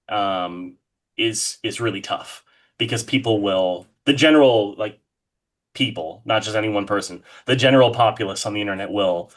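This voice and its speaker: Here a horror artist chats as a guest in an interview, sounding eager and meandering and hesitating as he thinks things through. His voice is on the low side with a fairly bright tone.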